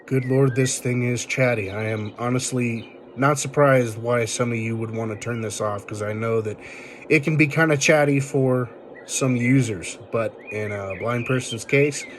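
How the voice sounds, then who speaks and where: A man with a mid-pitched voice walks listeners through a tech tip in an informal, step-by-step way. He talks casually, as the host of a tutorial. There is faint noise behind him. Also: normal speed.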